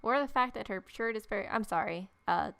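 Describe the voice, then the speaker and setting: Reading game text aloud during a relaxed let's-play, this gaming host drops wry, sarcastic asides over soft background game music. She speaks a little fast in a mid-range voice that is gravelly yet clean.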